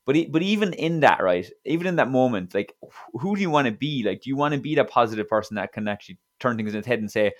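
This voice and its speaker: Fast-talking Irish man coach. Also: medium pitch, lively intonation. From Ireland. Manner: quick, earnest, reflective, with many restarts. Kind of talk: casual podcast chat.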